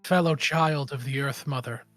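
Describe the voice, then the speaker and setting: A man voicing a guarded, stern female hunter leader in a tabletop game, speaking in a solemn, measured and weary way. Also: medium pitch, fairly even intonation, a bit bright, faint music behind, pitched below the performer's own voice, natural voice. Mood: wary, solemn. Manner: slow, solemn, measured delivery.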